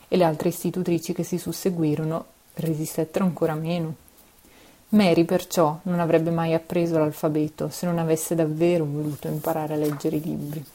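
A woman reading a children's novel aloud with a low, mellow voice. She keeps a steady, expressive storytelling pace. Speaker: narrator.

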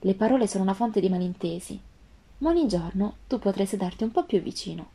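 A woman voicing a gentle, wise female fox with a calm, earnest tone in a storybook reading. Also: medium pitch, fast, husky.

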